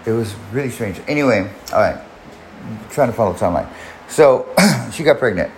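A man in his forties hosts a podcast, telling a long personal story that rambles, swears, and restarts often. His voice is low-ish, expressive, and brisk, recorded in an echoey room with faint background noise.

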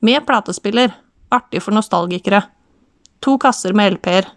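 A woman reading an audiobook voices a brisk, joking male country auctioneer with a Southern Norwegian accent and chatty, wry patter. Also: high-pitched, fairly bright tone, no echo.

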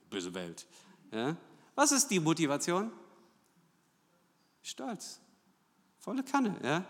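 A man's voice: fairly high pitch, fairly bright tone. A man preaching a sermon, asking rhetorical questions and often checking in with "ja?". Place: church hall. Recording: long church hall reverb.

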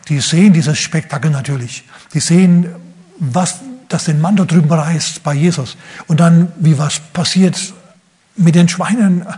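A preacher with a husky, rough-edged voice that sits somewhat high for a man. He tells the story as a lively sermon and slips into the voices of the people in it. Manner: acts out the figures in quick asides.

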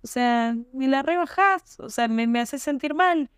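Her voice is high, a little slow and clean, captured dry in studio quality. She's a young podcast host with an Argentine Spanish accent, delivering a casual, emphatic monologue that leans on rhetorical questions.

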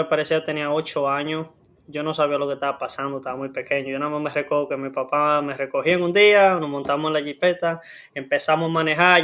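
A young man with a Dominican Spanish accent, a guest telling stories in a relaxed, chatty way and acting out sounds. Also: a little high. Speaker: guest, Olympic swimmer. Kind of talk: casual storytelling.

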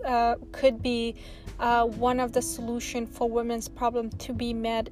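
A woman from Afghanistan talking earnestly on her solo podcast, pausing often with ums and uhs. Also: on the high side. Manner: earnest, halting, many ums.

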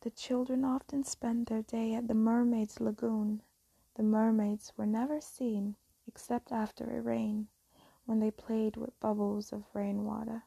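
A woman telling a fairy tale as a soft, slow, whispered bedtime story reading. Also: on the high side, flat delivery, vocal fry, husky, dry recording, rough recording.

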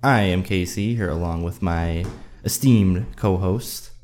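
A man's voice: deep voice, measured pace, slight background noise. A man hosting a casual sports talk show, recorded in an echoey old room of a house. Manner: relaxed, laughs easily, lots of filler words. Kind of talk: casual sports podcast chat.

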